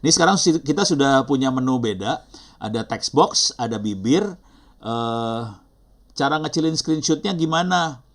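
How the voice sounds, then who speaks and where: A man's voice: mid-range voice, lively intonation, normal speed. A middle-aged man with an Indonesian accent teaching an online class, talking casually and apologizing often as he thinks aloud. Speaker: instructor. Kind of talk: live online teaching session.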